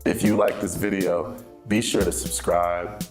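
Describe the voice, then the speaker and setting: A man's voice: deep voice, little pitch movement, measured pace. An actor playing a young male virtual influencer in a comedy clip, joking with dry sarcasm. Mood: mock earnest. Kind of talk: comedy sketch video clip. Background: background music.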